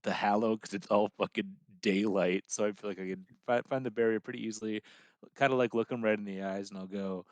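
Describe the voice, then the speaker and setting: A man's voice: fairly low pitch, steady tone, brisk, dry recording. A man playing a tabletop role-playing game, describing actions and talking in character in a laid-back, hesitant way.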